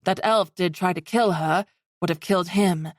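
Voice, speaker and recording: A woman reading a fantasy romance audiobook in steady scripted narration. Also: lowish voice, moderate pace, dry recording, studio quality.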